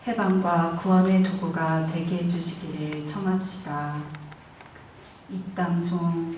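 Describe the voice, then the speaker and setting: A woman recites the readings and responses of the Mass in a calm, measured, solemn way. Her voice sits low and mellow and comes from well back in the room. It rings out in a huge cathedral echo, with a faint hiss underneath. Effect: heavy cathedral-like church echo. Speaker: Mass commentator and lay reader. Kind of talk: liturgical reading and congregational responses. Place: large church sanctuary. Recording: far-off voice in a very echoey church, faint hiss.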